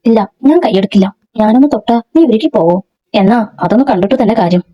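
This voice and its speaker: A woman's voice: mid-range voice, lively intonation, fairly quick, mellow, lightly acted. A woman reading the lines of an arrogant young man who sneers at and threatens a female coworker, in a dull lo-fi recording. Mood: threatening.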